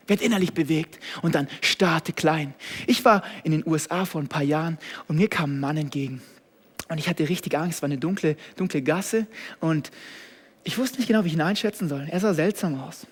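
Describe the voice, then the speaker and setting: A young German man preaches a lively sermon, jumping between loud, energetic calls and hushed, intimate asides. His voice sits high. The sound rings out with a long hall reverb. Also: slightly rough. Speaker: pastor.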